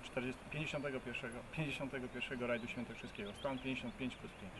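A man's voice: mid-range voice, fairly even intonation, fast talker. A man delivering a formal scout report in the open air. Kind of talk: formal roll-call report. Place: outdoors at a forest clearing. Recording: quiet voice under loud outdoor noise.

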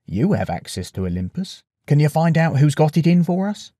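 Man doing a weary hero captain, dry wry delivery, mellow tone. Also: a little high, sing-song, moderate pace, no room sound, voice pushed up.

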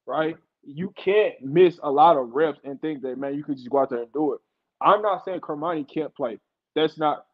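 Guest analyst man, fairly high voice, insistent and explanatory, dull lo-fi line. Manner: explanatory, insistent, repeats himself to make a point. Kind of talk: casual sports talk show.

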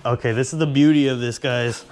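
Exploring an abandoned military base, outside and through empty buildings, a young vlogger talks casually to his viewers, addressing them directly and leaning on plenty of fillers. His voice is medium-pitched, steady, fairly quick and a little mellow, with slight background noise.

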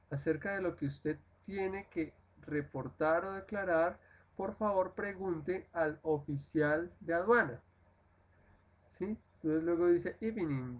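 A man teaching English in a live-streamed lesson, explaining slowly and patiently and repeating phrases with a frequent "¿sí?". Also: on the high side.

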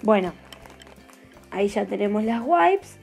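A woman's voice: medium pitch, expressive, a little slow, gravelly, a little mellow, soft background music. A young woman with an Argentine accent, teaching a live nail tutorial in a chatty way, checking in with "¿sí?" after nearly every point. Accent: Argentine Spanish. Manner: chatty, keeps asking "¿sí?".

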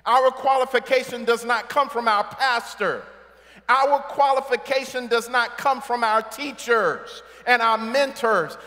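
A middle-aged male pastor preaching a sermon from a church stage, calling for amens and building to shouts. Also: very high voice, fairly even intonation, unhurried. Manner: call-and-response preaching, rising to shouts. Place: large church sanctuary stage. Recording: long church hall reverb.

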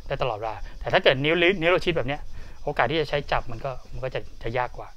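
A man teaching karate, explaining each step twice in a halting way with many repeated words. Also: a little high, animated, a bit bright, highs cut off. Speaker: karate instructor. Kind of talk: demonstrating and explaining technique. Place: karate dojo.

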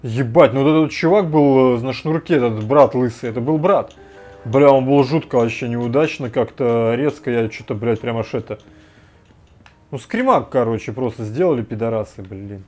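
A man giving casual gameplay commentary, muttering to himself and breaking into frequent loud swearing. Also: mid-range voice, normal speed, soft background music. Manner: swears often, loud startled outbursts; mutters to himself while playing. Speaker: let's play gamer.

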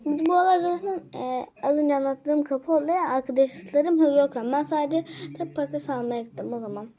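A woman's voice: sits high, moderate pace, dark tone. A young girl telling a rambling, agitated story about neighborhood kids in a casual vlog. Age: child. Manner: agitated, rambling with many restarts. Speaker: vlogger.

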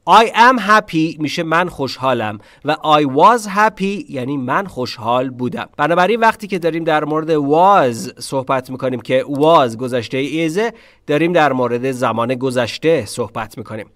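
A man whose first language is Persian teaches an English lesson online. He repeats short English phrases slowly and clearly, and he teases his viewers in quick asides. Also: fairly high pitch, lively intonation, a bit bright, dry recording.

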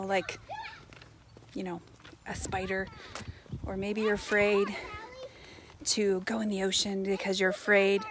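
An American woman in her forties talking casually and earnestly in a motivational vlog, pausing for emphasis, recorded outdoors on a phone at arm's length. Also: medium pitch, a bit bright. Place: outdoors on a residential path by a pond. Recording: faint outdoor background noise.

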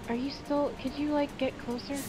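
A woman's voice: high voice, flat delivery, moderate pace. A woman giving casual let's play commentary, chatty and exclamatory, talking to the game's creatures as she plays. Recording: game music playing behind.

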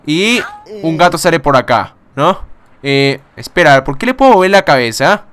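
A young man casually commenting on a game, excitable, swearing and laughing often. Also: fairly high pitch, moderate pace. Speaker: gaming YouTuber. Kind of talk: casual let's-play commentary.

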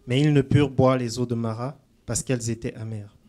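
Man softly reading scripture aloud. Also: medium pitch, fairly even intonation, fairly quick. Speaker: scripture reader in a church group.

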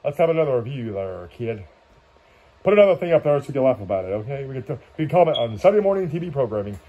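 A man's voice: mid-range voice, sing-song, fast, phone-quality sound. A man making goofy comments on cartoons at home, breaking into silly songs and squeals.

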